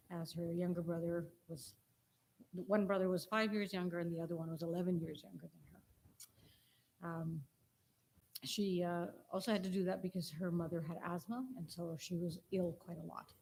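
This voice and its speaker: An older woman giving an informal funeral eulogy, halting and slipping in personal asides. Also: fairly low pitch, steady tone, creaky, darkish tone, breathy edge, rough recording. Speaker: family member giving a eulogy. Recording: noticeable background noise.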